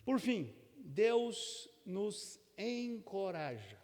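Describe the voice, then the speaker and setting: A man's voice: high-pitched, big pitch swings, extremely slow, a little mellow. A middle-aged Brazilian man preaching a sermon as pastor, folksy and conversational, with touches of humor and frequent tag questions. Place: church sanctuary. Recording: long church reverb.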